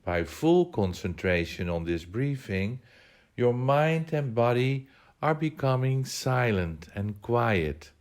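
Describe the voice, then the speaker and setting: Speaking in a very animated mid-range voice, this man leads a guided meditation. His instructions come in brief, measured phrases with pauses in between.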